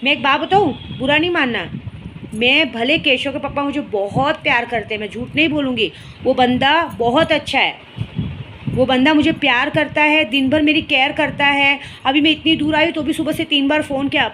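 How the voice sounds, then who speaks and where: A woman's voice: high voice, moderate pace, a bit bright. A young woman speaking straight to the viewer, confronting and scolding a rival in a heated, emotional monologue, with faint noise behind her. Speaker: vlogger addressing a rival. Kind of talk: emotional direct-to-camera monologue.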